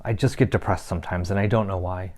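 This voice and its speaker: An actor playing a troubled young man who confides a painful past in a halting dramatic monologue broken by pauses. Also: low-pitched, fairly even intonation, darkish tone. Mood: confessional.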